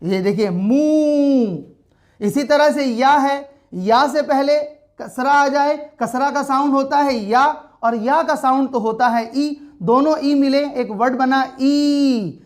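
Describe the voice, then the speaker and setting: A woman teaching an Arabic lesson, explaining slowly and repeating each sound, asking the question back before answering it herself. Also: sits high.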